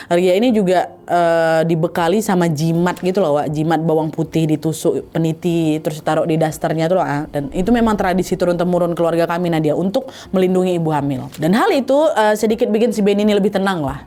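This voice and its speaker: A woman's voice: on the low side, mellow. A young woman, casually telling a horror story in a chatty way, addressing listeners directly.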